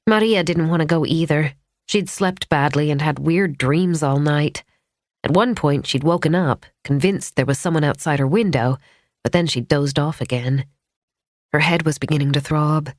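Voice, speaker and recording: A woman narrating a mystery thriller audiobook in a measured, tense storytelling manner. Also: low voice, no room sound. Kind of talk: scripted narration. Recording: dry studio audiobook.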